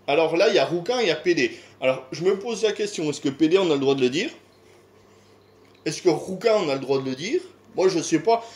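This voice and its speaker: This is a middle-aged man with a French accent and a fairly high but darkish voice. He's a YouTuber talking loosely to camera in a casual monologue. Hesitant throughout, he leans on sighs, filler sounds and rhetorical questions.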